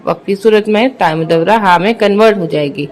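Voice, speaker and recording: A Quran reading teacher with a Pakistani Urdu accent, sounding out letters and syllables slowly and then explaining each rule quickly. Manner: drawn-out syllables, then brisk low explanations. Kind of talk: slow letter-by-letter recitation drills with quick explanations.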